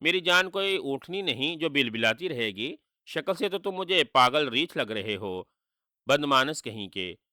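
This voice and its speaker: A man voicing a cunning, sharp-tongued male trickster hero who answers with sarcastic insults, in a storybook reading. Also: medium pitch, very animated, unhurried, no room sound, studio quality. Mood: defiant, growling.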